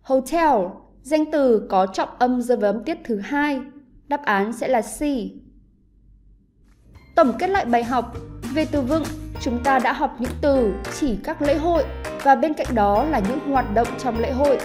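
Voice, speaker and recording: A woman with a Vietnamese accent, teaching an online English lesson to pupils and explaining slowly and carefully. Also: high-pitched, darkish tone, faint music behind.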